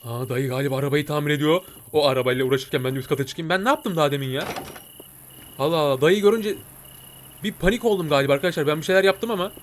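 A man voicing an excitable, jokey male cartoon cat who comments on a game and talks to his viewers. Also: fairly high pitch, very fast, natural voice. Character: chatty male cartoon cat gamer, jumpy. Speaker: gameplay commentator. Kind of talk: let's-play commentary.

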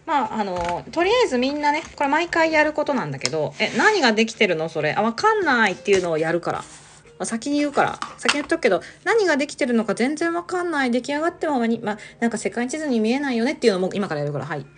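A young woman hosts a casual live stream, chatty as she reads viewer comments aloud, exclaiming and laughing often. Her voice is on the high side with big pitch swings, delivered very fast, and there's a little hiss or hum.

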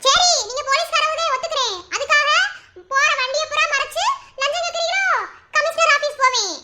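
A woman voicing a sharp-tongued young woman in a cartoon, with a Madurai Tamil accent and a cheeky, defiant manner. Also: extremely high pitch, a little fast, heavy background noise. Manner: cheeky, defiant, pleading by turns.

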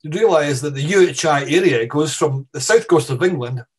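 A man's voice: a little high, lively intonation, normal speed, slightly rough. Scottish man giving a seminar talk. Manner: thoughtful, with frequent restarts and repeated words. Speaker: guest speaker, professor.

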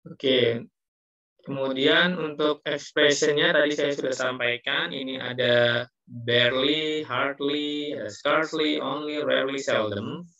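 Man, English teacher, heavy cathedral-like echo, bright voice, muffled online call audio. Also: mid-range voice, fairly even intonation, measured pace. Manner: explains patiently, mixing English phrases, teases students lightly. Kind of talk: online class explanation.

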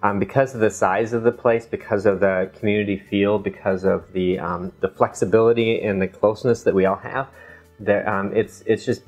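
A man's voice: fairly low pitch, steady tone, normal speed, highs cut off, faint music behind. A middle-aged man, an academic guest in a casual interview, speaking earnestly with frequent ums and restarts. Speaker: university administrator, guest.

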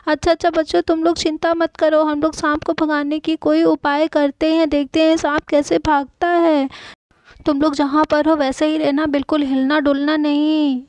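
A gentle mother voiced by a woman in a homemade doll-play story, calmly warning and reassuring her children. Her voice is fairly high, and the sound is dry and close to the mic. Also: moderate pace, no room sound, natural voice.

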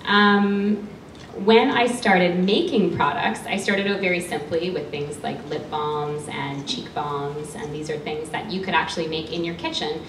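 At a panel event in a small studio space, a thirtysomething Canadian woman who makes cosmetics addresses a small crowd through a handheld mic, loud, low-pitched, and unhurried. She's emotional and passionate and laughs a lot. The sound comes from a distant camera, roomy with a faint hum.

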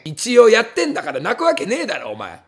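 A man comedian reading viewer comments on a livestream and firing back each one with angry comic retorts, often breaking into loud laughs. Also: huge pitch swings, fast talker. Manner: bursts into loud high laughs. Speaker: comedian streamer.

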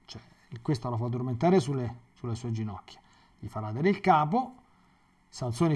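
A man, a priest giving a Bible catechesis, who talks in a digressive, halting way and often repeats words and restarts. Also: medium pitch, darkish tone, husky.

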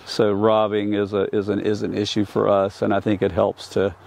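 A man's voice: fairly low pitch, completely flat delivery, moderate pace, creaky, darkish tone, a little hiss or hum. An older man and commercial beekeeper from North Carolina, explaining his methods outdoors in a plain, practical way with frequent restarts, on a lapel mic. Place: outdoors in an apiary.

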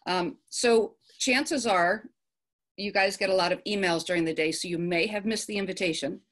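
A woman presenting an upcoming event in a virtual office meeting, halting, with many ums and uhs, over a video call. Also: mid-range voice, fairly bright tone. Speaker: committee presenter.

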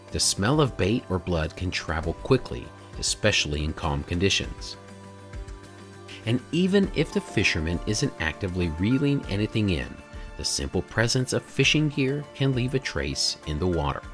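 A man in his forties, the channel's host, narrating a documentary voice-over in a measured, explanatory way with rhetorical questions. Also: deep voice, a bit bright. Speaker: drone videographer and channel host. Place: home studio room, indoors.

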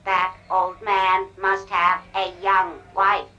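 A woman's voice: mid-range voice, completely flat delivery, slow, lo-fi sound, a crowd in the background, close to an everyday voice. A woman voicing a small, polite male clockwork robot that winds on a spring, speaking in stiff, formal phrases in a cartoon. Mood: curious. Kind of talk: animated cartoon voice acting.

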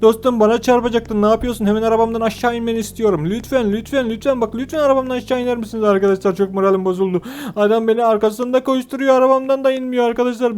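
Young man, high voice, fast talker, game host, plays a police officer, repeats himself, pleads and exclaims. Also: darkish tone, smooth. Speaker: gameplay video host. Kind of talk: roleplaying a police officer while narrating gameplay to viewers.

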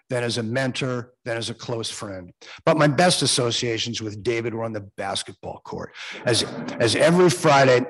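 A man's voice: medium pitch, rough recording. Chatty man giving a book launch speech. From Florida. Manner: chatty and self-deprecating, joking asides, frequent ums. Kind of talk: public speech with thanks and anecdotes. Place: museum event room.

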